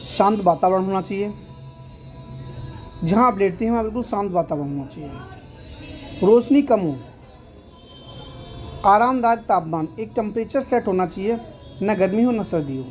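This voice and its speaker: Male meditation guide, earnest and explanatory, soft music faintly behind. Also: high voice, normal speed, pauses often. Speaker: meditation teacher. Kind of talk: instructional talk to camera.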